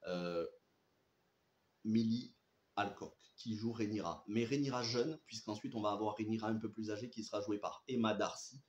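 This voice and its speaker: A man's voice: lowish voice, normal speed, lo-fi sound. A young adult man with a French accent giving an enthusiastic, chatty review, with frequent fillers and restarts. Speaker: series reviewer. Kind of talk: casual spoken review. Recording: echoey room.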